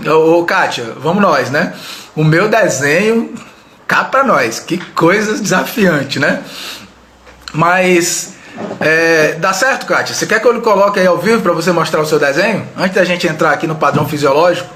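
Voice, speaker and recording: A man's voice: a little high, normal speed, a bit bright. A man giving a live online leadership training, talking conversationally and addressing viewers directly with frequent tag questions. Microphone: video call style webcam mic.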